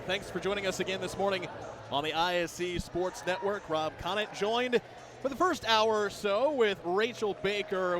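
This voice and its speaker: A man with a high voice presents a live sports broadcast as host. Clear venue noise runs behind him.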